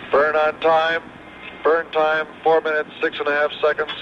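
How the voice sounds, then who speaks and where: A man, an astronaut, giving a terse status report in clipped bursts of numbers over a crackly space radio transmission. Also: fairly high pitch. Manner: clipped, flat, reads numbers in quick bursts. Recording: dull noisy archival radio downlink.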